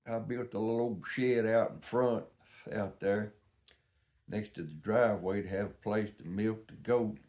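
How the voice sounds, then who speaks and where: An older Southern American man with a fairly low voice reminisces casually. He is plain-spoken and folksy, rambling along as he tells his stories. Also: fairly even intonation, measured pace, a little mellow. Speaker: vlogger.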